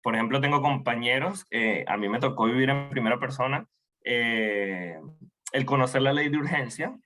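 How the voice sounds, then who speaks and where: A man talks as a panelist over a video call. His voice is bright and forceful, at an ordinary pitch for a man, and he stumbles through restarts and fillers as he goes. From Venezuela. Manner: halting, many restarts and fillers. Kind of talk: online talk.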